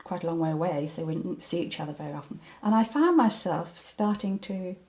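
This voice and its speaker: Older lady telling her story, mellow tone, lots of ums and restarts. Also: lowish voice, a little fast. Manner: hesitant, many ums and restarts, breaks into laughter. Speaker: interviewee. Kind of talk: reflective personal recollection.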